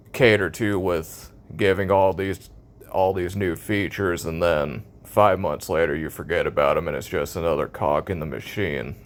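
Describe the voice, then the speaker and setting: An American man in a casual, opinionated rant about a video game, blunt, cynical and sarcastic in his complaints. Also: low-pitched.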